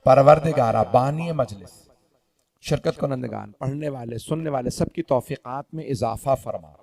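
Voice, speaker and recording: A male preacher delivering a mourning sermon, moving from calm narration to shouted, wailing climaxes, recorded from a distance in a large prayer hall. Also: mid-range voice, normal speed, gravelly. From Pakistan.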